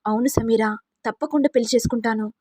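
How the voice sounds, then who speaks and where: A woman voicing an agitated, devoted young man who questions loudly and urgently. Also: fairly high pitch, steady tone, quick pace, dry recording, studio quality, lightly acted.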